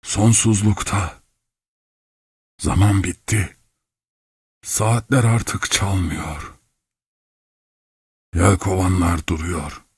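A man's voice: low-pitched, steady tone, extremely slow, long pauses, breathy edge, no echo, clean studio sound, full character voice. A man voicing a dazed, obsessed old clockmaker who speaks in a hollow, dreamy way.

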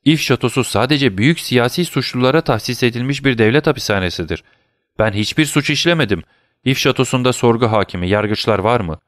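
A man's voice: mid-range voice, lively intonation, fairly quick, no echo, clean studio sound, pitched above the performer's own voice, lightly acted. A man voicing a young sailor prisoner who pleads in frantic alarm. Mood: pleading alarm.

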